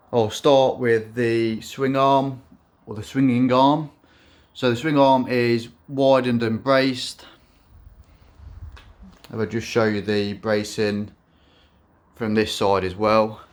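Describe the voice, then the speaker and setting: A man showing his custom motorbike in a casual vlog, speaking in a self-described monotone with many fillers and restarts. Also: mid-range voice, slow pace, long pauses.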